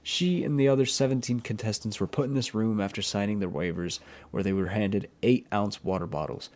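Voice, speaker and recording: Low-voiced man narrating a true-crime tale. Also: a little fast, a little mellow. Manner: plain, earnest retelling with brief personal opinions. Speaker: YouTube horror storyteller.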